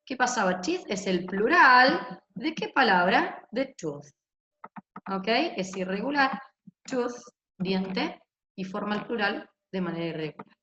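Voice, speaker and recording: A woman's voice: medium pitch, a bit bright. Woman teaching english, says "ok?" nonstop, echoey dull laptop mic sound. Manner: explains in Spanish, tags most lines with "ok?". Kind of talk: recorded online class explanation. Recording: echoey room, dull lo-fi sound, faint hiss.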